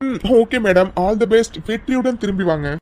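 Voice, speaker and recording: A performer voicing a playful, protective young doctor in an animated cartoon story, teasing and reassuring his girlfriend. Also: medium pitch, normal speed, a little hiss or hum, lightly acted. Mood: friendly.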